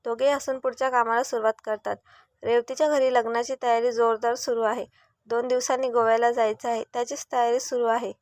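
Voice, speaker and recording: A woman narrating a family story in a steady, descriptive way. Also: fairly high pitch, brisk, no echo, clean studio sound.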